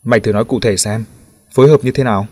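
A man's voice: mid-range voice, quick pace, darkish tone, dry recording, soft background music, natural voice. A man voicing a stern police officer who talks down coldly and threateningly. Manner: cold and threatening.

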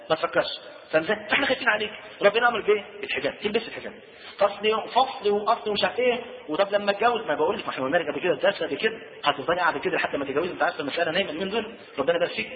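A man with an Egyptian accent giving a colloquial religious lesson, chatty and full of rhetorical questions. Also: sits high. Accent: Egyptian Arabic. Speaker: preacher. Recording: tinny lo-fi roomy recording.

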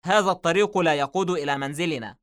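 A man's voice: fast, a bit bright, clean tone, lightly acted. A man reading an audiobook novel, voicing an anxious young man who is frightened and on edge. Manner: tense and uneasy, raised pitch. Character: nervous, anxious young man under pressure.

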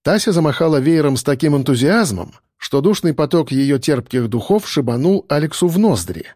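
A man's voice: expressive, fairly quick, darkish tone, no room sound, studio quality. A man narrating a story and voicing its characters in the dialogue. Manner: voices many characters with shifting pitch. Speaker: audiobook narrator. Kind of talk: scripted narration with acted dialogue.

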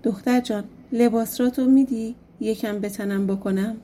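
A woman's voice: on the high side, fairly even intonation, warm tone, slight background noise, natural voice. A woman voicing a sly sweet-talking bald girl. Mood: coaxing. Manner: coaxing, smooth-tongued.

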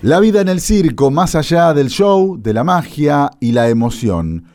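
A man reading a scripted radio promo with smooth, dramatic pacing. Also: fairly high pitch, animated, a little slow, a little mellow, no echo, studio quality, faint music behind. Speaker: radio announcer.

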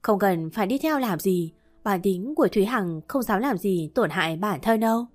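Woman narrator doing a blunt, firm young husband, storybook, mid pitch. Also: animated, normal speed, soft background music, close to an everyday voice.

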